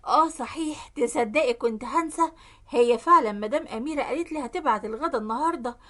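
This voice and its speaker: Woman voicing a gentle, gullible Egyptian boss. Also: high-pitched, fast. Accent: Egyptian Arabic. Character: kindly, gullible middle-aged male company boss.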